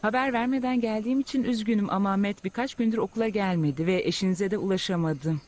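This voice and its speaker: A woman's voice: mid-range voice, fast talker, darkish tone, natural voice. A woman playing a polite, apologetic schoolteacher. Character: polite female schoolteacher on a home visit. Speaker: teacher. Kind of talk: film dubbing.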